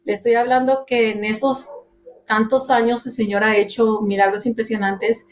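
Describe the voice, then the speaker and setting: A woman's voice: fairly high pitch, little pitch movement, normal speed, faint music behind. A woman from Monterrey with a northern Mexican accent, giving an earnest personal faith testimony in a church radio interview, full of fillers and restarts. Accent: northern Mexican Spanish.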